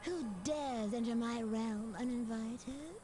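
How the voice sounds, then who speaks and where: A woman voicing a menacing, haughty supernatural ruler of a realm in a video game, with an imperious manner. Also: fairly high pitch. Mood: imperious menace. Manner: slow, imperious. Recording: loud noise over game audio.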